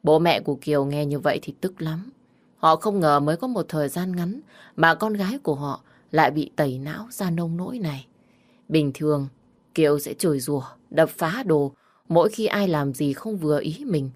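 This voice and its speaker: A woman narrating an audiobook story in a steady, measured reading voice. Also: low voice.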